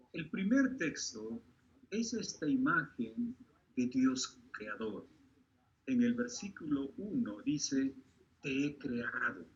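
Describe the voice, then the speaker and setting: A man from Peru, a priest, reading scripture aloud and giving a spiritual talk in a slow, emphatic way. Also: mid-range voice, a bit bright. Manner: slow, emphatic, keeps urging listeners to look. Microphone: video call. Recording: dull lo-fi video call audio.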